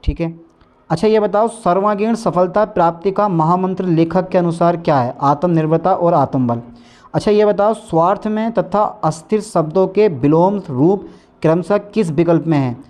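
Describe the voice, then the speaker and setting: A man's voice: high-pitched, normal speed, darkish tone. A man teaching an exam-prep lesson in a coaching-class style, coaxing and urging his students to read along, speaking with a north Indian Hindi accent.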